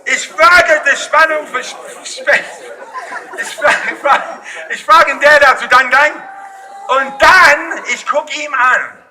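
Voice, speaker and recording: A man working as a street performer, joking loudly with a festival crowd in broken German mixed with English, often shouting. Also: extremely high pitch, slow pace. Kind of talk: live street show banter with the crowd. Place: outdoor town square at a street festival. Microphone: no mic, filmed from a distance. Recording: distant outdoor camera audio with crowd and noise.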